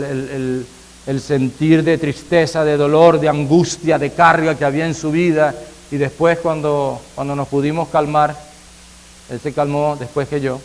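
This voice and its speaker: A male pastor giving a sermon. He checks in with the congregation with rhetorical questions and moves from quiet storytelling to loud, emphatic preaching. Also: on the high side, poor audio. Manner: repeats phrases and asks the congregation "¿verdad?".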